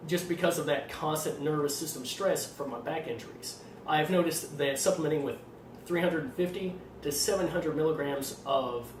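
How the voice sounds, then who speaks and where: A man with an Arkansas accent explaining things informally as a trainer, in a fairly monotone voice with a slight tendency to stutter. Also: on the high side. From Arkansas, United States. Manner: self-described monotone delivery. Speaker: fitness trainer presenting supplement advice. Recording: roomy echo, distant mic, faint noise.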